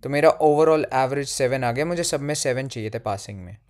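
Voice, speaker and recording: A man's voice: mid-range voice, moderate pace, a little mellow. A young man from India telling a personal story in a casual, chatty way, often calling out "bro" and swearing. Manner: chatty, keeps saying "bhai", swears. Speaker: vlogger.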